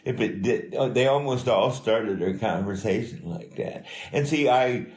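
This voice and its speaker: An older man telling life stories in a casual, rambling, halting way, as an interviewee. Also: mid-range voice, a little mellow. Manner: rambling, halting, chuckling delivery. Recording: echoey room with faint noise.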